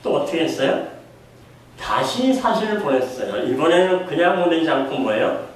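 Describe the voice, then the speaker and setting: A man's voice: fairly high pitch, very animated, normal speed. A man preaching a sermon as a pastor, putting questions to the congregation and acting out the voices he quotes. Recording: echoey room heard from a distance.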